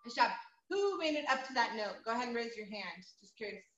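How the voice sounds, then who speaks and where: Soft music plays in the background as a woman coaches a group singing lesson in a slightly high, expressive, fairly bright voice, talking fast. She stays patient and encouraging, uses frequent ums, and sings demonstrations, in roomy, slightly dull audio.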